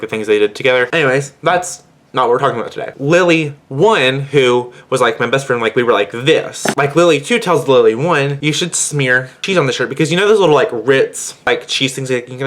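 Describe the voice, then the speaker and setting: Brief: teen guy, mid-pitched, rambling storytime vlogger, indignant, filler-heavy. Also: a bit bright. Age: teenager. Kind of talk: storytime vlog.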